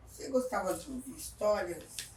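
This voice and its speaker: A woman interviewer asking short, gentle questions. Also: fairly low pitch, sing-song, moderate pace. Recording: echoey room, distant mic, background noise.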